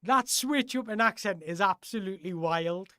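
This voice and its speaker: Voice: medium pitch, moderate pace, bright, forceful tone, a little hiss or hum. A live-stream football host chatting casually through viewer questions, rambling and correcting themself as they go.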